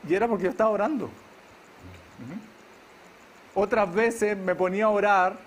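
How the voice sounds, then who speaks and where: High-voiced man preaching. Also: steady tone, slight background noise. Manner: preaches to a congregation, often checks in with a quick "¿sí?". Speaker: pastor. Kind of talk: sermon. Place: church service.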